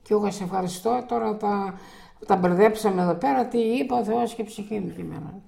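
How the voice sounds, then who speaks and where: Older woman interviewee, gravelly dark voice, rambling oral-history storyteller. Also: medium pitch. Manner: rambling, halting storytelling with restarts and quoted dialogue.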